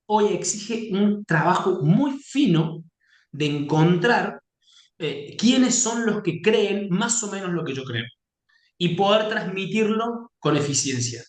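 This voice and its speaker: Male panelist, slightly higher voice, roomy echo on a video call, analytical, with filler pauses. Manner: fluent, analytical, many hesitations "eh". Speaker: political consultant panelist.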